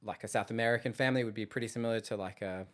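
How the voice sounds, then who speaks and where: Relaxed man from Chile, fitness coach guest. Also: lowish voice, very fast. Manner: relaxed and hesitant, with many ums. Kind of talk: casual interview.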